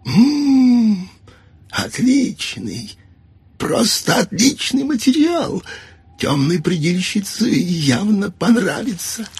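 A man putting on a raspy old necromancer. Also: high voice, big pitch swings, slow pace, a little mellow, voice pushed up, full character voice. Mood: gloating. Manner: grumbling, mocking, gloating. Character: old hobbling male necromancer archmage, sneering and cruel. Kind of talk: audiobook character voice.

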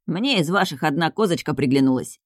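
A woman voicing a flippant young male dragon, friend of the duke, in an audiobook, lowering her voice. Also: lively intonation, a little fast, dry recording, studio quality. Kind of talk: audiobook character voice.

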